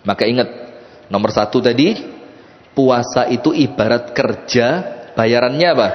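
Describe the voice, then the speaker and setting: A man with an East Javanese accent, giving a lively, joking sermon told as a story. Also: medium pitch. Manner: lively, jokey, plays with the audience. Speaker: preacher. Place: mosque hall. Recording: echoey mosque hall, dull sound.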